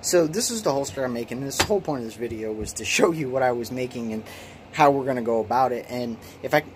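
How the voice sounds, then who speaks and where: Speaking fast at medium pitch over a noisy background, a man in his late twenties gives a casual walk-through of his small home workshop shed, where he makes kydex holsters as a hobby. He rambles and runs himself down, restarting often with lots of ums, all recorded on a phone camera.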